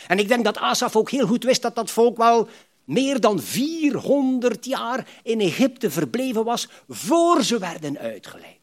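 Male preacher, high-pitched and highly animated, booms then drops to a murmur. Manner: dramatic swings between loud emphatic and soft low phrases; frequent tag questions, reads scripture aloud expressively. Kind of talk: sermon.

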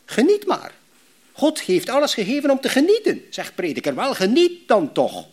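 A middle-aged man preaching with a West Flemish accent. His voice sits high and swings widely in pitch as he works through rhetorical questions to his congregation, often restarting his phrases. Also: wildly swooping pitch, normal speed. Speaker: pastor. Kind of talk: sermon.

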